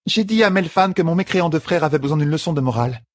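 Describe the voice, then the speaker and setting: A man voicing a poised, teasing young queen in an audiobook, with a husky tone and composed delivery. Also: a little high, expressive, fast, no room sound, studio quality, voice pushed up. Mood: wry. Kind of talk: audiobook character voice.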